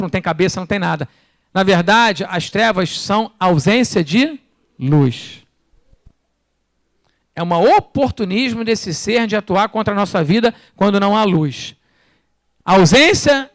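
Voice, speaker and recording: High-pitched Brazilian pastor preaching. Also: male voice, dry recording, clean studio sound. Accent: Brazilian Portuguese. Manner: animated preaching, rhetorical questions to the congregation; swings between loud bursts and quiet low asides. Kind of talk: sermon. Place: church.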